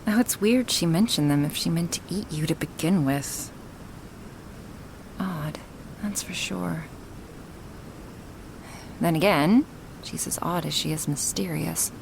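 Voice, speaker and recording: A woman voices a gentle dragon woman, awkward and affectionate toward her human, in an intimate ASMR roleplay spoken softly to the listener. Her low, breathy delivery is slow and hesitant yet gently frank, full of sighs and pauses and often dropping into whispers, all in full character voice. The audio is poor, with a little hiss or hum.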